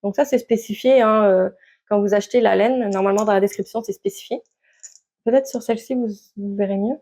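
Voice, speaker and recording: A knitting vlogger chats casually to camera in a show-and-tell about her knitting, her mid-range voice a little fast and slightly mellow. She's hesitant, full of fillers and restarts.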